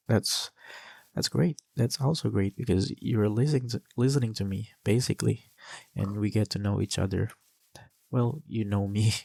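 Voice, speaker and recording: Speaking with an Indonesian accent, this young man hosts a gaming channel and chats rambling while he plays, using many fillers and starting over often. His voice sits on the low side, gravelly and a little mellow, with no room sound.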